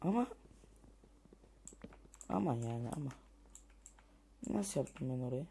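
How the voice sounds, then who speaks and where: A man's voice: mid-range voice, lively intonation, slow, creaky, warm tone, a little hiss or hum. Grumbling young man narrating his gameplay. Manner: frustrated, grumbling and cursing at the game; thinking aloud while building. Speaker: gamer. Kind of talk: let's play commentary.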